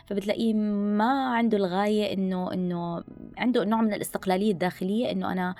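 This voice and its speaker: A woman talks very fast, with a gravelly, fry-tinged edge to her voice. She gives animated advice in podcast conversation and drops in English phrases. Faint music sits under her voice. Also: medium pitch. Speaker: guest speaker on listening skills.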